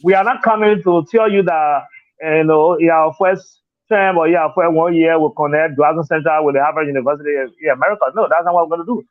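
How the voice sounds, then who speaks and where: As a political candidate being interviewed, a Liberian-accented man talks fairly quickly in a high-sided voice. The dry, tinny phone recording captures an earnest, repetitive speaker who leans on "you know."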